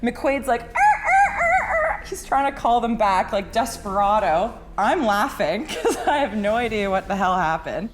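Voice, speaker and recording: A woman's voice: mid-range voice, lively intonation, normal speed, few pauses. A woman hunter telling a hunting story in a casual way, laughing often.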